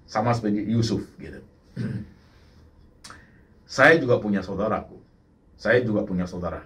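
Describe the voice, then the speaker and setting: A male pastor preaching a sermon in an animated way, slipping English words in and often turning to address the congregation. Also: lowish voice, normal speed. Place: church service.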